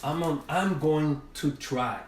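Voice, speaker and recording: A man's voice: on the high side, slow. A man voicing a small, determined hummingbird in a storybook tale, in a voice close to his own. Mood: defiant. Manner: stubborn, resolute. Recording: roomy, from a distance.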